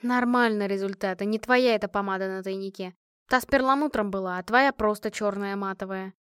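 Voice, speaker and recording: A woman voicing a calm, ironic woman analyst who speaks in a measured, dry way. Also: medium pitch, clean tone, natural voice.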